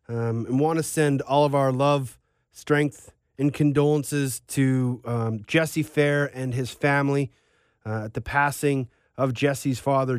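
A man's voice: medium pitch, clean tone, no echo, studio quality. A man hosting a sports podcast, talking in a casual, rambling, conversational way.

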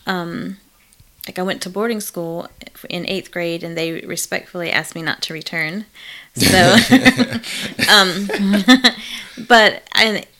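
Middle-aged woman, low-pitched, reflective interview guest who pauses often. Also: pushed and bright. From Malawi. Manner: reflective, frequent ums and laughs. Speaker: therapist in private practice. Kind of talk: casual interview conversation.

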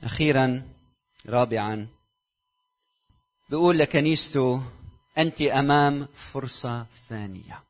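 A man with a Lebanese Arabic accent preaches a sermon to his congregation, firing off rhetorical questions and dropping from loud exhortation to near-whispers. His voice is mid-range, his pace measured, and he leaves long pauses.

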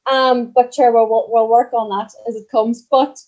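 Muffled, soft-toned young Donegal woman chatting. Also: on the high side, level tone, moderate pace. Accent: Donegal, Ireland. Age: young adult. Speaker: podcast guest, country singer. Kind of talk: casual chat.

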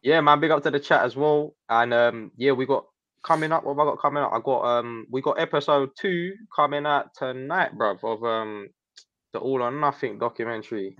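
A man's voice: medium pitch, moderate pace, a bit bright, dry recording, dull audio. A man with an urban London accent talking like a roadman in casual, slangy livestream chat. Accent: London, urban street. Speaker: guest on a football fan livestream.

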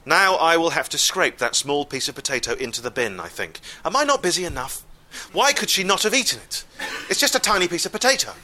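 A man telling a comic story live, wry and exasperated, with deadpan asides. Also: fairly high pitch, brisk, hardly any pauses.

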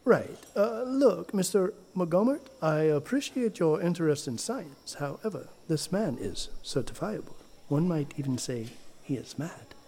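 A stern, disdainful doctor acted by a man in an audio drama, speaking in a slightly high yet mellow voice. His formal delivery is haughty and indignant. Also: lively intonation, moderate pace, breathy edge. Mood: scornful. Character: stern, disdainful male doctor on review boards. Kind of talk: scripted comedy-horror audio drama.

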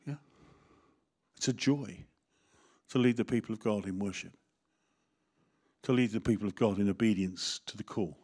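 A man's voice: fairly low pitch, normal speed, pauses often, dark tone, husky. A man, a vicar preaching a sermon in a candid, conversational way with jokes and asides.

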